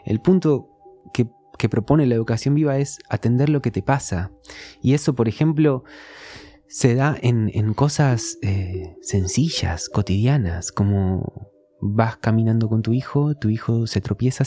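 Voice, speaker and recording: Argentine man, podcast host, reflective explainer, mellow tone, faint music underneath. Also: medium pitch, a little slow. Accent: Rioplatense Spanish. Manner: reflective, explains with everyday examples. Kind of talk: casual conversation.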